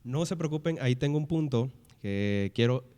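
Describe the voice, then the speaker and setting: Smooth-voiced man in a reverberant room. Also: medium pitch, animated, normal speed, warm tone. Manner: teaching, reads verses then explains. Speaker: youth pastor and co-host. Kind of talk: Bible study podcast talk.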